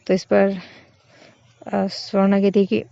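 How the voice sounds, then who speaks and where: A woman telling a romance story in an easy, conversational way, with many filler links. Her voice is mellow and gravelly. The recording is dry and dull, lo-fi. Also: mid-range voice, monotone, takes it slowly, no room sound. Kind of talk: casual story narration.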